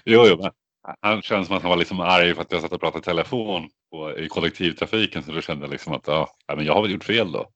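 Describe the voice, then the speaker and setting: A man's voice: sits low, a bit bright, no room sound, highs cut off. A man co-hosting a podcast, telling stories in a rambling way with lots of filler words. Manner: rambling, filler-heavy storytelling. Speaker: podcast co-host. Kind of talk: casual chat.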